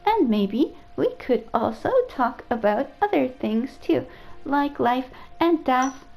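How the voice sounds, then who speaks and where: A woman's voice: high-pitched, expressive, takes it slowly, creaky, a little mellow, soft background music, exaggerated voice, low-quality recording. A woman reading aloud the lines of a polite, worried robot AI caretaker from a video game, in her own plain voice. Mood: earnest.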